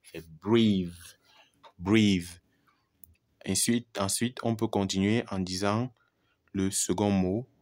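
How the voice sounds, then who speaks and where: Slow, deep-voiced man teaching pronunciation. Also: steady tone, darkish tone. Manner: repeats example words slowly and deliberately; addresses the viewer informally with tu. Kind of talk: pronunciation lesson.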